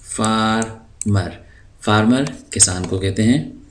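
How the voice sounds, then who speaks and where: Man, lowish voice, slow drawn-out words, patient explainer, faint background hiss. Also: steady tone, a little mellow. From Pakistan. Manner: stretches each vocabulary word out slowly, then explains it; patient, with frequent hesitation fillers. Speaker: English teacher. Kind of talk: recorded vocabulary lesson.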